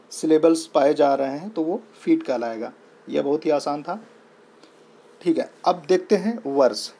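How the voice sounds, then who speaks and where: Mellow and on the high side, this young man's voice carries an Indian accent as he teaches a lesson mixing Hindi and English. He patiently repeats himself and spells out words one letter at a time.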